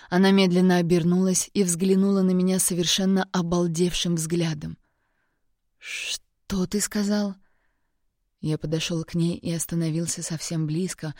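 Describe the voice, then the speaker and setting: A woman narrating a first-person romance audiobook in a steady, measured way. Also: on the low side, no room sound, studio quality. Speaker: audiobook reader.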